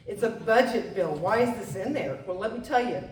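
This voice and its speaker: A woman's voice: medium pitch, lively intonation, a little fast. A woman giving an urgent, indignant public comment at a town hall meeting, speaking directly to her congressman. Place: museum meeting room. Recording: echoey room from far off.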